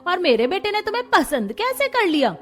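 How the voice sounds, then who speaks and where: A woman voicing a scornful, sharp-tongued middle-aged mother-in-law in a cartoon story. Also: extremely high pitch, very animated, a little fast, heavily acted. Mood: mocking.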